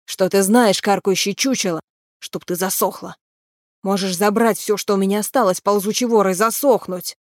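A woman doing a loud desperate young hero. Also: medium pitch, steady tone, normal speed, no echo, studio quality, lightly acted. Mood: furious. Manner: loud, urgent, demanding.

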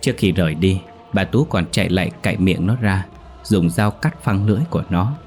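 Man, very deep voice, horror story narration, steady, faint music behind. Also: fairly quick.

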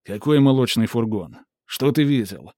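A man voicing a burly male stoker who threatens in a mockingly gentle, slangy way. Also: medium pitch, lively intonation, normal speed, dry recording, clean studio sound, close to an everyday voice. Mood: threatening.

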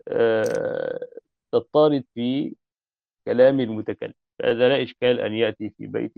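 A man's voice: mid-range voice, creaky, dry recording. A male teacher correcting and explaining a grammar text, speaking emphatically and repeating his points. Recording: tinny phone-like line, dry.

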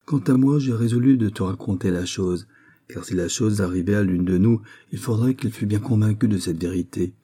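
A sly, teasing young court lady from a storybook reading, voiced by a man who lifts his pitch for her. The voice underneath stays dark and husky, and the irony keeps coming through. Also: moderate pace. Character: mocking young lady-in-waiting, teasing and ironic.

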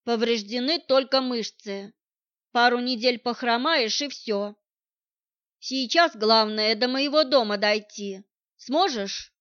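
A stern woman of the forest, as a female reader plays her snaps short orders in a fairly high voice. The audiobook recording is dry and slightly dull. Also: slow pace, fairly bright tone, clean tone, no echo. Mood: curt. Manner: curt, commanding. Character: stern forest-dwelling woman who commands a bear.

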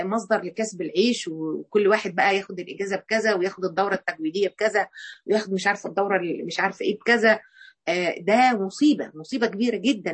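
A woman's voice: mid-range voice, husky. A middle-aged woman with an Egyptian accent giving a conversational religious lecture to women, often restarting and quoting dialogue. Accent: Egyptian Arabic. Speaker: Quran teacher.

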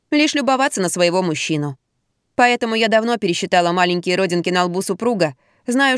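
A woman reading a first-person story as an audiobook narrator, in an ironic, lively storytelling manner. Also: medium pitch, clear, resonant tone, no room sound, clean studio sound.

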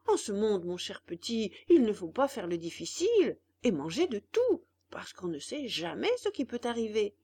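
A woman voicing a kind, patient old woodcarver father in a storybook reading, gently lecturing. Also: mid-range voice, wildly swooping pitch, moderate pace, few pauses, slightly rough, heavily acted. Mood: gentle.

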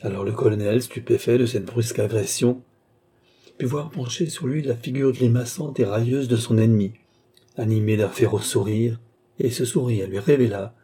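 A man reading a classic adventure novel aloud in a measured, steady narration. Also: mid-range voice, breathy edge. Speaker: audiobook narrator.

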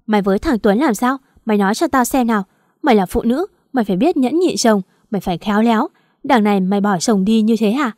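A woman's voice: fairly high pitch, expressive, fast talker, darkish tone, no echo, studio quality, natural voice. A woman voicing a stern older village father who demands an explanation from his daughter. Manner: stern, commanding.

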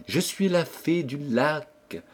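A man voicing a slow, solemn female fairy of the lake. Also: fairly high pitch, breathy edge, voice pushed up.

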